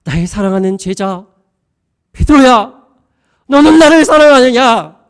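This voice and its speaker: A man acting out a gentle, insistent male teacher who keeps pressing the same question, in a high, animated voice. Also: unhurried, clear, resonant tone. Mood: tender. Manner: earnest, repeated questioning.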